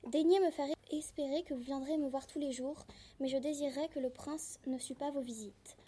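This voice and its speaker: A woman's voice: high-pitched, fairly even intonation, brisk, dark tone, lightly acted. A woman reading aloud the formal, earnest lines of a wounded young stranger in hiding. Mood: courteous.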